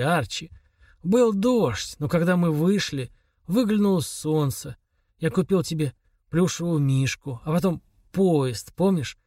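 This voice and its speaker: A man voicing a dying, broken father who speaks in a weak, raspy whisper. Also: fairly high pitch, darkish tone, no room sound, clean studio sound.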